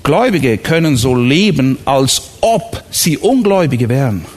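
A man interpreting a sermon live, quick and fluent, following the preacher's phrasing line by line. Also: medium pitch, sing-song, a little mellow.

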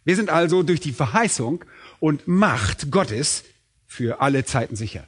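A man's voice: fairly high pitch, animated, a little slow, husky. A middle-aged man preaching a sermon, emphatic, asking questions and answering them himself. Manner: emphatic, asks and answers his own questions.

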